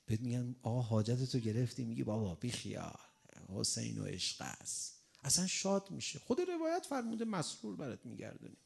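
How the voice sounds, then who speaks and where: A man preaching a sermon in an animated way, acting out a crying child and the replies to it. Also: medium pitch, gravelly, breathy edge.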